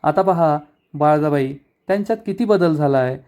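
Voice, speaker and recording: A man voicing a calm, persuasive young married woman from a TV serial, speaking earnestly as he retells the scene. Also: on the high side, moderate pace, natural voice. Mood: coaxing.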